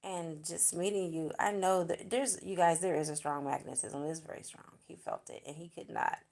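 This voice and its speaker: A woman's voice: lowish voice, steady tone, normal speed, creaky, a little mellow. A woman vlogger chatting to her viewers in a gushing, spiritual way. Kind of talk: casual storytelling to viewers.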